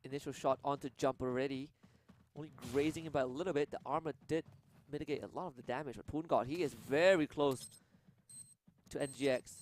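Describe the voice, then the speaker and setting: High-pitched male esports analyst. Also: fairly quick, a little hiss or hum. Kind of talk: live esports analysis commentary.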